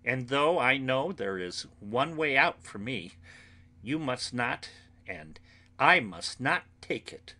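A man reading an audiobook, voicing an anguished, earnest young woman who pleads solemnly and slowly with her friends. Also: medium pitch, very animated, bright, forceful tone, pitched above the performer's own voice, heavily acted. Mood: solemn pleading. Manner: solemn, slow, pleading delivery.

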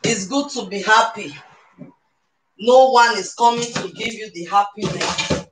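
Heavy background noise surrounds this cooking show host, whose fairly high voice carries a Nigerian accent and a slightly slow pace. Live streaming from her home kitchen, she chats playfully and exuberantly and repeats phrases, captured by a webcam or phone camera between arm's length and a few steps off.

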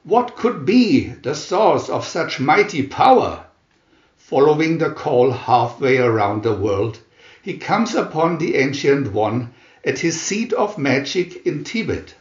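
The recording is muffled and the room echoey as a man with a slightly high, very animated voice reads a picture booklet. It's dramatic, scripted comic-book narration, theatrical and measured with a swooping delivery.

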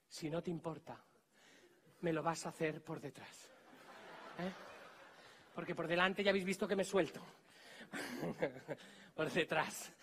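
A high-voiced man with a Spanish accent performs a live comedy magic act. On stage he teases his volunteers and fires quick orders at them.

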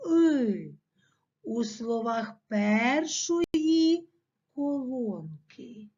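A woman teacher giving a language lesson to children, dictating words slowly and pronouncing them carefully. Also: high-pitched, darkish tone, highs cut off. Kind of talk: classroom lesson.

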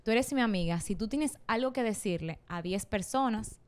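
A woman's voice: medium pitch, expressive, moderate pace, clean tone. A woman with a Dominican accent co-hosting a casual podcast chat, emphatic and explaining herself with repeated checks that she is understood. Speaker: podcast co-host. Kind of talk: casual chat among friends.

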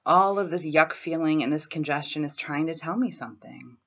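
A hoarse woman in her thirties, suffering a head cold, leads a guided tapping session for a self-help vlog, speaking frankly and clearing her throat. Her voice is low and brisk. She records in a small room at home on her laptop webcam, which gives dull lo-fi sound.

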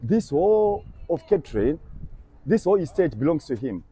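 In a street evangelism conversation on a bustling shopping street, a young man persuades a passer-by with earnest intensity, echoing scripture back one line at a time. His voice is a little high and sing-song, warm and husky, at a moderate pace.

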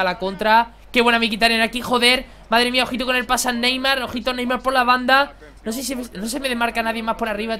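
A young man, excitably commentating his own football video game match for viewers. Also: sits high. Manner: excitable, exclaiming, chatty. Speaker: gaming youtuber. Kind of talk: live gameplay commentary.

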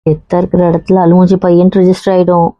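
A woman's voice: on the low side, monotone, quick pace, no echo, dull audio. A woman playing a wife in a scripted family drama, coaxing and teasing her husband.

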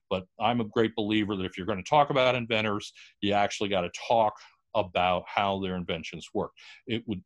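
A man giving an informal, animated history lecture, telling stories and acting out quotes. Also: fairly low pitch.

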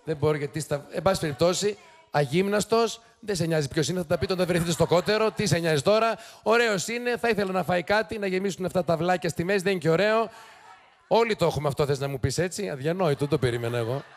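A man hosting a TV show, giving teasing, sarcastic commentary to a studio audience. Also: high-pitched. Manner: sarcastic, teasing, quick mocking asides. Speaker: TV show host. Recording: noisy studio with loud audience. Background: studio audience laughing and cheering.

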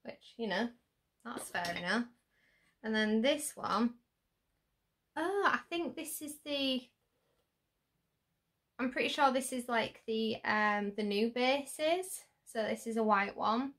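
Woman, bubbly and giggly, slightly hoarse, fairly high voice. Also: expressive, slow, pauses often, a bit bright. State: slightly hoarse, clearing her throat. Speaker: beauty vlogger. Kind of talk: casual unboxing chat.

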